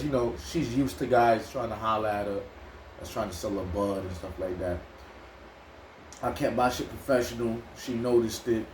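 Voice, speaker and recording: A man's voice: medium pitch, a little mellow. A man from New York co-hosting a mukbang, telling stories in loose slang with many restarts. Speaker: mukbang co-host. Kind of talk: casual chat while eating. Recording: echoey room with faint ambient noise.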